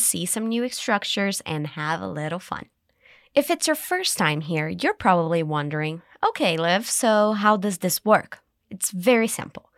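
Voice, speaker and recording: A woman hosting an English lesson podcast, cheerful, modeling phrases slowly for listeners to repeat. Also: mid-range voice, no echo, clean studio sound. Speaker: English teacher and podcast host. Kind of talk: scripted language lesson.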